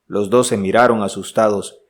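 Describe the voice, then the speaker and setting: An actor playing an earnest, uneasy traveller who narrates his diary in measured, literary style for a radio drama. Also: on the low side, steady tone. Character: Jonathan Harker, uneasy, earnest English male traveller.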